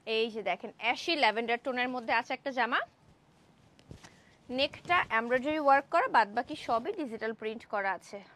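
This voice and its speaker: A young Bangladeshi woman hosts a Facebook live sales stream from an indoor showroom, her voice a little high and brisk. She is chatty and excited, exclaiming over the dresses she is selling.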